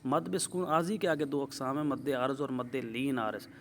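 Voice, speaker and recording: A man's voice: medium pitch, steady tone, slight background noise. Methodical man teaching Quran recitation rules. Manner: methodical, explains rules step by step, checks with "ٹھیک ہے؟"; drawn-out slow demonstrations of recited words. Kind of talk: tajweed lesson.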